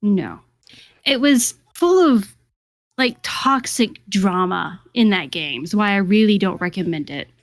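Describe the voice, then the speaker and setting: A woman's voice: mid-range voice, lively intonation, measured pace, no room sound. Giggly young woman chatting on stream. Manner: giggly, chatty, self-deprecating. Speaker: guest. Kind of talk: casual livestream chat.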